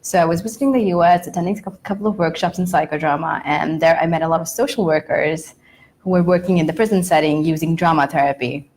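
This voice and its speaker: A graduate student from India answering panel questions in a thoughtful, earnest way. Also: female voice, low-pitched, fairly even intonation, fast talker, a little mellow.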